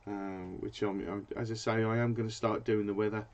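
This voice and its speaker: A man from Britain who runs a fishing channel speaks briskly at a fairly low pitch with little variation. On his live stream he rambles casually, pausing hesitantly to find his words, over a dull, lo-fi recording.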